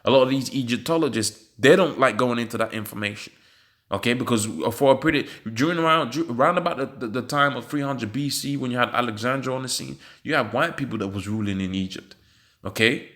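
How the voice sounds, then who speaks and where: A British man with hay-fever sniffles comments on a news article from a religious angle. His mid-range, slightly bright voice is halting and full of fillers, punctuated by emphatic rhetorical questions.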